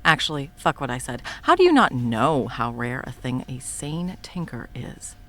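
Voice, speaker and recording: Her voice rumbles low with big pitch swings at a moderate pace as this woman in her thirties performs a profane, blunt woman supervillain, her character's long-time arch-enemy, in an audio roleplay. Indignant, the villain mocks first, then coaxes with pet names.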